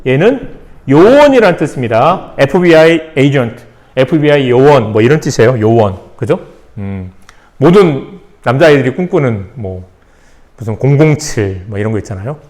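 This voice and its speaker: A man's voice: mid-range voice, expressive, moderate pace, darkish tone. A man teaching English vocabulary in Korean, spelling words out letter by letter and asking rhetorical questions with playful asides. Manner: playful asides and little jokes. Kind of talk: classroom-style vocabulary lesson.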